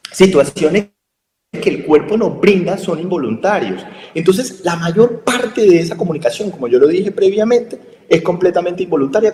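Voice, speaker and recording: A man with a Colombian Spanish accent explains things to listeners in a lively, fairly high voice that swings up and down a lot. He keeps asking rhetorical questions, and his voice rings out in an echoey room with a long reverb tail. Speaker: health communication speaker. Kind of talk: radio talk explaining to listeners.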